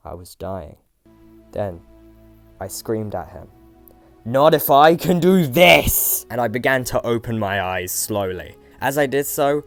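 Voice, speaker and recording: Man, low voice, dramatic horror storyteller, hushed to shouting, faint music underneath. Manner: swings from hushed mumbling to loud shouting. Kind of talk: dramatic first-person horror narration.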